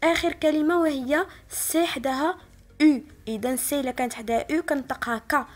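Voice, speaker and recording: A woman teacher with a Moroccan Arabic accent, patiently explaining a French spelling lesson and spelling out each word slowly. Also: high voice, soft background music. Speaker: primary school teacher.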